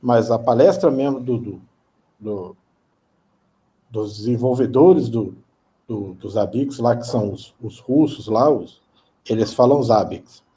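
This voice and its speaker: A man's voice: medium pitch, a little slow, long pauses, mellow, slight background noise. A man in his fifties with a Brazilian Portuguese accent, answering interview questions hesitantly and often repeating words. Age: 50s. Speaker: guest.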